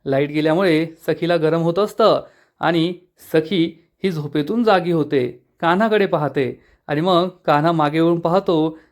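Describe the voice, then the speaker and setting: A man narrating a TV serial episode recap in a lively storytelling manner. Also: on the high side, measured pace. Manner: lively storytelling, acting out quotes.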